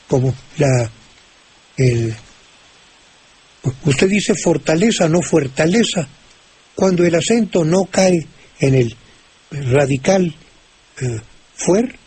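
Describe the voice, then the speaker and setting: An older man with a Mexican Spanish accent, explaining word usage on a radio call-in show, slowly, with many restarts and fillers. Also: fairly high pitch, mellow. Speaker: language expert answering listener questions. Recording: old radio recording with faint hiss.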